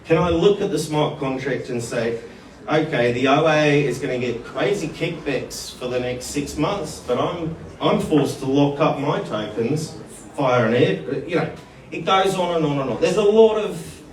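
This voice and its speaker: At a conference hall, a man with a fairly high-pitched, animated voice gives a live presentation to an audience at a measured pace. He's informal, calling people "mate" and restarting phrases. The echoey hall was recorded from far off, with slight background noise.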